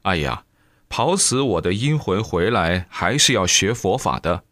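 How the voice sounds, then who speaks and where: A man's voice: low voice, expressive, measured pace, a bit bright, dry recording, studio quality, full character voice. A man voicing a devoted male monk student who speaks with earnest urgency.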